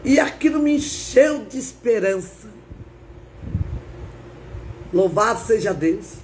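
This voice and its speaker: A woman preacher shares her testimony on a live stream, drawing her words out slowly. She tells it with feeling and drama and keeps breaking in with praise, over a faint hiss behind her. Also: on the high side, expressive, a little mellow, rough recording. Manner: dramatic, repeats praise phrases. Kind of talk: emotional testimony sermon.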